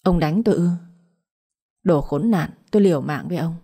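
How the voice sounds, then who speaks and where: Woman voicing a spiteful middle-aged mother, shrill taunting tone, husky low voice, audiobook drama. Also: moderate pace, mellow. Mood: shrieking.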